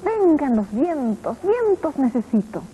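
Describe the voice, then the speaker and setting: A woman's voice: high voice, very animated, measured pace, dark tone, slight background noise, voice pushed up. A woman voicing a timid, jumpy little old woman in a storybook tale, shrieking in fright. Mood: calling. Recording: lo-fi old TV tape audio.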